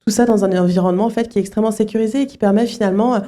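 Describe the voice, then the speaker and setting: A middle-aged woman, a school director, answering interview questions at a student fair, often pausing with fillers and restarting her sentences. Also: mid-range voice, fairly even intonation, dark tone. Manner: hesitant, many fillers and restarts.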